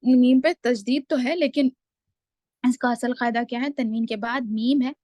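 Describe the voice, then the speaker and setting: A woman teaching Quran recitation rules in a class, slow and deliberate, drawing out the recited words and then explaining each rule. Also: on the high side, fairly even intonation, darkish tone, dry recording. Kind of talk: online tajweed class.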